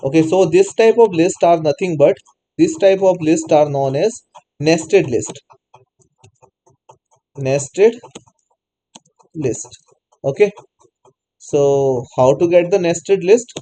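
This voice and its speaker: Male instructor, slightly high voice, mellow tone, coaxing answers from a class. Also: slow, pauses often, low-quality recording. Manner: prompts students repeatedly, non-native English phrasing. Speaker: programming teacher. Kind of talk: live online class, questioning students.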